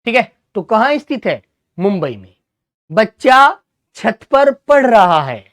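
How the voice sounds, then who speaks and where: A man's voice: high-pitched, very animated, measured pace. A man teaching Hindi grammar in an online exam-prep class, who asks his students questions, answers them himself, and calls them son and brother.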